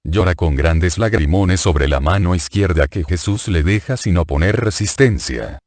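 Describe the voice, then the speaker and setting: A man narrating a religious book as an audiobook reader, in an even, steady reading voice. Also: sits low, moderate pace, no echo.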